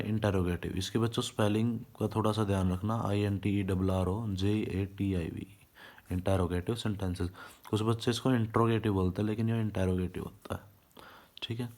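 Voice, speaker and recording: A man teaching an English grammar lesson who keeps asking the class questions and answering them himself, and who reads the example sentences out slowly. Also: fairly low pitch.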